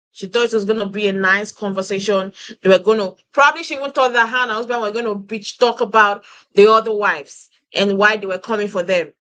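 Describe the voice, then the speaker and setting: On a casual reality TV review panel, a woman talks earnestly, working through her reasoning aloud and repeating words as she goes. Her voice is fairly high and fairly bright, captured in a rough recording.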